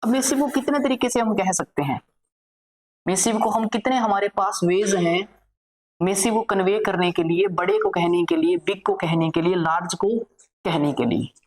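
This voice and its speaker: A woman's voice: mid-range voice, normal speed, a little mellow, poor audio. A woman teacher giving a vocabulary lesson for exam students, explaining English words in Hindi and repeating each word while she dictates lists.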